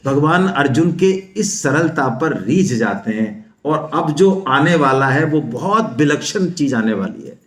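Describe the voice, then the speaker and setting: A man giving a spiritual lecture on the Gita, coaching Sanskrit pronunciation and chanting the verses slowly. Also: fairly high pitch, big pitch swings, reverberant. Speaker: Gita teacher. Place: seminar hall.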